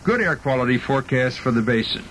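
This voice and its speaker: A man's voice: mid-range voice, lively intonation, fast talker, fairly bright tone, slight background noise. A man with an American accent working as a 1970s radio disc jockey, reading news and weather with wry asides. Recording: 1970s car radio recording, faint music.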